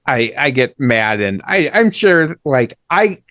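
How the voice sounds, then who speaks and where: A man's voice: medium pitch, big pitch swings, takes it slowly, fairly bright tone, no echo, clean studio sound. A man from Minnesota hosting a podcast, chatting in an easygoing, self-deprecating way. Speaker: podcast host. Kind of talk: casual chat.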